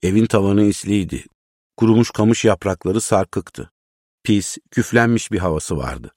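A man reading a short story aloud in a measured, unhurried way. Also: on the low side, a little mellow, no room sound, clean studio sound. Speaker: narrator.

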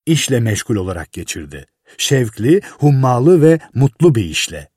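A man reading a story aloud in a lively way, with a husky voice. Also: medium pitch, normal speed, no echo, clean studio sound. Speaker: narrator. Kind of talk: audiobook reading.

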